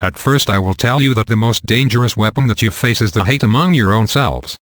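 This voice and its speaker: Low-voiced man reading an audiobook. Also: a little fast, fairly bright tone, no room sound. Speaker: narrator.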